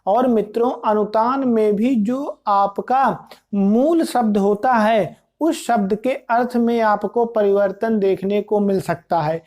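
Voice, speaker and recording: A woman's voice: medium pitch, slow pace, a little mellow. A woman teacher explaining a grammar lesson for exam preparation, repeatedly addressing her listeners as friends.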